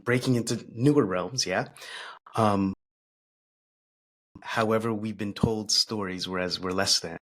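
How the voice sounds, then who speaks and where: A man speaking as a podcast guest, reflective and thoughtful, pausing and restarting as he talks. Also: fairly low pitch. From United States. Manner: thoughtful, pauses and restarts, laughs softly.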